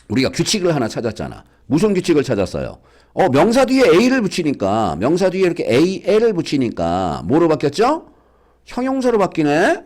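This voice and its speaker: A man teaching a basic English reading lesson to schoolchildren, coaxing them along with frequent questions. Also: on the high side. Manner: lively, coaxing, asks students questions. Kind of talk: lecture for school kids.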